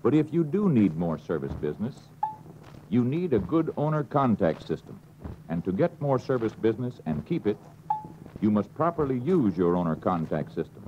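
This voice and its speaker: In a medium-pitched voice, an American man narrates an instructional film, measured and instructive. It comes through a dull old film soundtrack with faint hiss.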